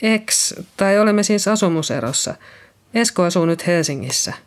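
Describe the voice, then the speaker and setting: A nervous middle-aged nurse talks in a hesitant, trembling way, as an audiobook reader puts her on. Her voice sits higher than the narration and quivers a little. She sounds anxious and unsettled. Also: expressive, lightly acted. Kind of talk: audiobook reading.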